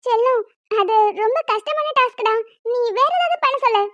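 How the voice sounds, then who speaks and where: A woman's voice: very high voice, moderate pace, fairly bright tone, dry recording, highs cut off. A woman voicing a cheeky young cartoon woman in a superhero costume, coaxing, playful and unbothered. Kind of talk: animated cartoon voice acting.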